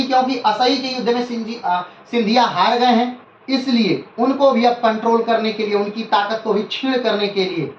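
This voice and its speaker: A man giving a history lecture for a video, quizzing his viewers and answering his own questions, often correcting himself mid-sentence. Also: extremely high pitch. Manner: self-correcting, restarts mid-word. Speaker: history teacher. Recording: roomy, slightly dull sound with faint background noise.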